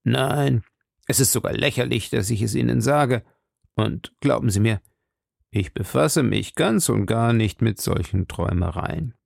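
A man's voice: medium pitch, unhurried, creaky, no echo, clean studio sound. A man reading an audiobook, voicing a fatalistic, lovesick duke with earnest devotion.

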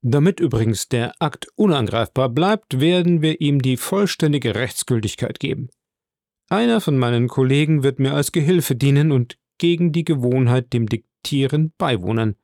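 A man's voice: mid-range voice, lively intonation, moderate pace, a little mellow, no echo, clean studio sound, natural voice. A man voicing an eager, long-winded male notary in a read-aloud story, formal in his speech. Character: eager, wordy middle-aged male notary.

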